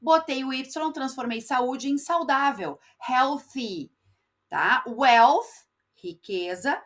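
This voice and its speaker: A woman's voice: high-pitched, lively intonation, takes it slowly, a bit bright. A woman English teacher explaining step by step, stretching out example words and often checking in with her students. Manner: frequent checking tags like "tá?" and "né?". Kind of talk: classroom explanation.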